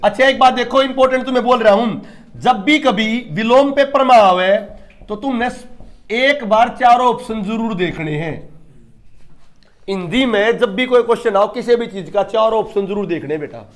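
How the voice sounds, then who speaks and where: Male tutor, high-pitched, emphatic lecture style with rhetorical questions. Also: normal speed. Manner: emphatic, asks questions and answers them himself. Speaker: teacher. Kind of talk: exam-prep lecture.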